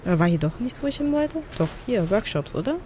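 A woman giving blind commentary on a video game, chatty, talking to the game and reading menu text out loud. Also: mid-range voice, very animated, fairly quick, slight background noise. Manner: thinks aloud and reads game menu text out. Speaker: let's player.

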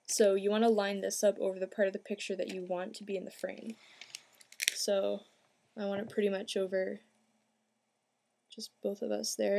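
In this amateur home video, a craft tutorial host demonstrates a project one step at a time from a small room in her house. She is a young adult woman whose mid-range voice has a somewhat dark tone, and her manner is informal and plain. The audio is clear, though background noise can be heard.

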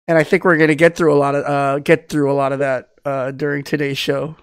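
Using headphones and a studio mic on his webcam, this Philippine-born, Southern California–raised middle-aged host rambles through a casual video-call podcast interview full of restarts and fillers. His voice is a little high and smooth, delivered flatly and a little fast, in a dry, studio-quality recording.

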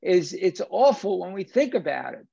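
His voice sits high yet has a dark tone, slightly rough with vocal fry, very animated at normal speed. This older man in his 60s or 70s is a film discussion host and lecturer on a video call, emphatic and repeating phrases for stress. No room sound; the computer mic at desk distance gives dull lo-fi audio.

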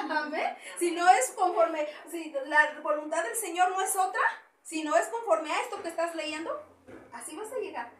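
A woman's voice: extremely high pitch, normal speed. Lady pastor preaching, repeats herself, echoey church room, mic way off. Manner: animated preaching, repeats phrases, gestures with raised hands. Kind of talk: Spanish sermon with Bible reading. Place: small church hall indoors. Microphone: far camera, no mic. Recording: echoey room from far off with faint noise.

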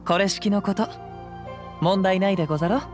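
A male actor playing a gentle, poetic young wandering samurai in a video game, speaking calm, measured, old-fashioned samurai Japanese. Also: sits high, close to an everyday voice. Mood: calm, assured. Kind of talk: scripted game dialogue. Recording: clean voice over background music.

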